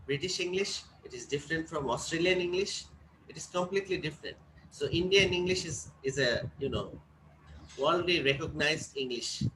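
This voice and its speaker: Male English teacher, fairly high voice, deliberate classroom lecture, noisy recording. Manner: explains slowly, often checks "is it clear?".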